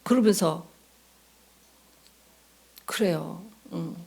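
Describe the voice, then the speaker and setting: Woman pastor, middle-aged, deeply gravelly voice, storytelling sermon with whispered asides. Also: very slow. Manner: animated storytelling, acting out inner thoughts, dropping to whispers.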